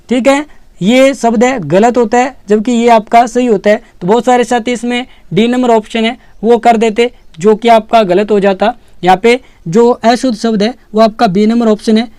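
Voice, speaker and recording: Clear-voiced woman teacher. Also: fairly high pitch, no room sound. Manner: steady, patient, repeats key points with reminders. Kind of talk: exam-prep lesson.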